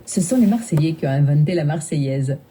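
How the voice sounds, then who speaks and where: A woman's voice: sits low, lively intonation, brisk, dark tone, a little hiss or hum. A synthetic woman's voice playing a chirpy female voice assistant with a put-on Southern French accent and playful regional slang. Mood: cheerful.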